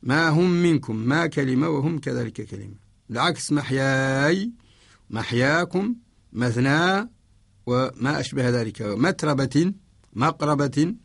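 A man from Mauritania, an Islamic scholar, giving a radio lesson on Quranic spelling in a measured, repetitive explaining manner with slowly recited examples. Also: mid-range voice, expressive, vocal fry, no echo, clean studio sound.

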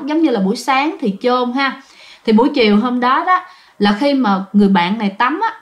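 Chatty woman storyteller. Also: sits high. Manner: chatty, addresses listeners directly. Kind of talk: casual ghost-story narration.

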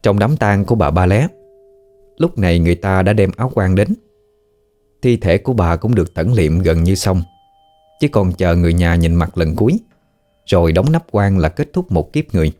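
A man with a Southern Vietnamese accent narrating a ghost story in a steady, measured way. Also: low voice.

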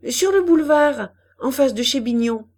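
Petulant bored teenage girl, read by a woman, whiny complaints, high and lively. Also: normal speed. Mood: eager.

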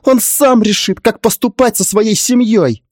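Man putting on a fired-up protective mom, higher voice, scolding, dry audiobook sound. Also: moderate pace, darkish tone, no echo. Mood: indignant. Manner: reproachful, raised. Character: protective middle-aged mother, bold and indignant.

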